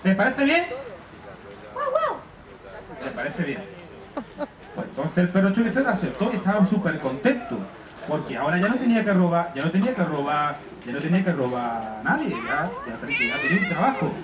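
An animated storyteller from Spain entertains children, his fairly high voice bouncing up and down as he stops and restarts. He sounds far from the mic in an echoey room, and a crowd murmurs behind him. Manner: animated, halting narration with restarts. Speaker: storyteller and author. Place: live storytelling session.

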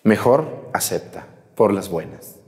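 A man voicing two scheming, lecherous old male judges who threaten a young woman in low, menacing tones, as he tells a Bible story. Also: expressive, slow pace, a little mellow. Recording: reverberant church hall.

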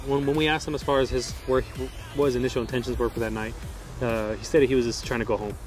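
A man's voice: medium pitch, flat delivery, fast talker, over music. A young male police officer recounting an incident to camera, recorded outdoors.

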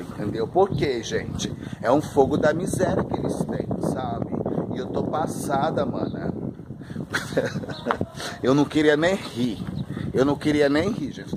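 A flamboyant young man telling dramatic gossip in a vlog, drawing out his words. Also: mid-range voice. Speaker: vlogger. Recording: loud street noise and traffic.

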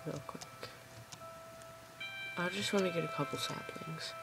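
Gravelly, rambling gameplay host. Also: mid-range voice, a little slow, loud music behind the voice, low-quality recording. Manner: chatty, rambling, talks to viewers. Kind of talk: casual gameplay commentary. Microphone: phone camera pointed at a screen.

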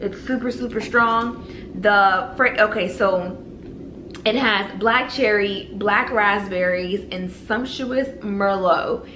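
This beauty vlogger, a woman in her twenties, speaks slowly at medium pitch, her tone pushed and bright as she gushes over candles. It's a casual, enthusiastic haul video filmed in her living room, with a little hiss or hum present.

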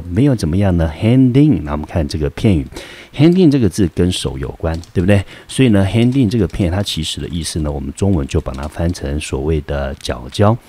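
A man's voice: extremely low pitch, mellow, slightly rough. A man from Taiwan teaching an English vocabulary lesson, explaining patiently step by step with many fillers.

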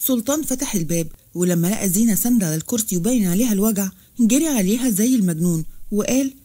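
A woman with an Egyptian accent narrating a romance story in a brisk, steady way. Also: mid-range voice.

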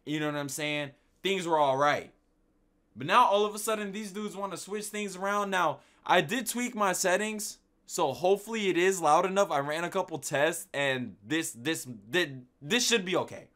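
A man's voice: high voice, normal speed, a bit bright. A man giving slangy, laid-back reaction commentary as a streamer, talking at the screen.

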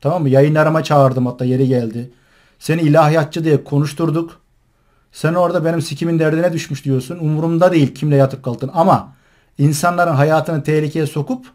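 A man's voice: a little high, a little mellow. A male online host mocking and scolding someone while commenting on a recording he plays. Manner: mocking, scornful and indignant.

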